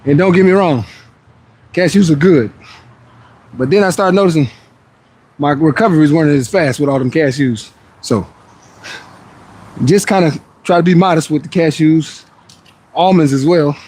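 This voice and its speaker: A man's voice: a little high, moderate pace, pauses often, darkish tone, husky. A man in his forties chatting casually on a fitness livestream, answering viewer questions between sets in a laid-back, rambling way. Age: 40s.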